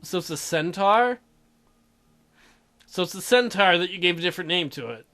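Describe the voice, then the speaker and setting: He voices the dating sim's characters in shifting styles, his high voice at normal speed, while hosting a let's play full of crude jokes between lines. The commentary is animated and jokey throughout.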